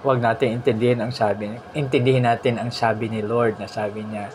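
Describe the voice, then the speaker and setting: A man preaching a sermon, telling stories in an animated way, mixing in English phrases and ending points with "no?". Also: fairly quick, noisy background. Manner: animated storytelling, voice rising high when quoting people; mixes English phrases into the preaching, frequent "no?" tags.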